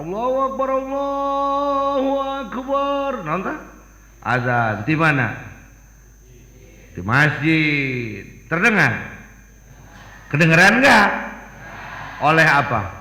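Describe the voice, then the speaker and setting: A man gives a joking, story-filled sermon with a bright, gravelly voice. His pitch leaps around animatedly, and a long hall reverb hangs on each line. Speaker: preacher. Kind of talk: humorous sermon.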